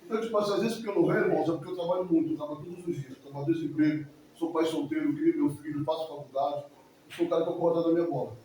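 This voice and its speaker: Speaking quickly to a church congregation, a man in his forties tells his story in a mellow voice that sits high for a man, with fairly even intonation. His testimony is emotional and rambling with frequent repetition, recorded from a distance in a very echoey hall with faint noise.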